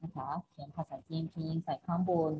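A woman teaches an online class, patiently repeating every instruction and ending each phrase with a polite particle. Her voice is deep and warm with a steady tone, fairly quick. The recording is muffled with faint noise.

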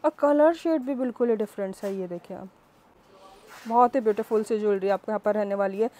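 A woman's voice: mid-range voice, fairly quick, mellow. A woman with a Delhi Hindi accent hosting a market vlog, talking enthusiastically to her viewers and exclaiming often over the pieces she shows. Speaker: vlog host.

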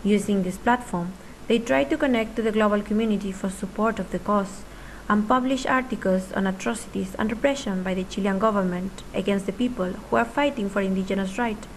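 A woman's voice: medium pitch, fairly quick, a little hiss or hum, low-quality recording. Woman reading an informative voice-over. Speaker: narrator. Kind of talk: documentary voice-over.

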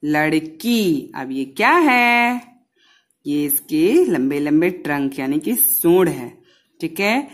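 A woman's voice: sits low, very animated, slow pace. A woman teaching a Hindi lesson to young children, patiently sounding out words syllable by syllable and often checking whether they follow.

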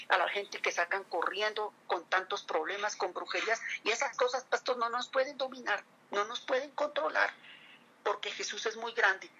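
A middle-aged woman pours out a personal religious testimony to a pastor, earnest and emotional, turning back to him often. Her voice is bright and sharp-edged, with a husky rasp and a gravelly fry at the ends of phrases. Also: mid-range voice, poor audio. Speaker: church member giving testimony to a pastor.

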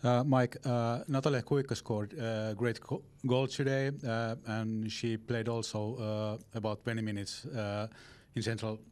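A man asking a coach a question at a press conference, halting with many pauses. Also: mid-range voice, fairly even intonation, darkish tone, clear, resonant tone. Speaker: reporter.

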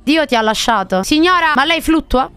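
High-voiced woman streaming a horror game. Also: expressive, moderate pace, fairly bright tone, clean tone, faint music behind. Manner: jumpy, screams and swears at scares, chatty with chat. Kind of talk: live gaming commentary.

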